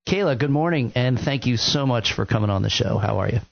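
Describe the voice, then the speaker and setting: A man's voice: medium pitch, lively intonation, fairly quick, vocal fry. A man hosting a morning radio show, chatty and joking, with frequent restarts. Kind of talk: casual radio interview. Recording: dull lo-fi radio audio.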